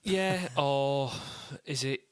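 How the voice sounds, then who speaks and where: A man's voice: medium pitch, drawn-out words, clean tone, no echo, clean studio sound. A man co-hosting a casual podcast, chiming in with easygoing, agreeable remarks. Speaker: podcast co-host. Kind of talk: casual chat.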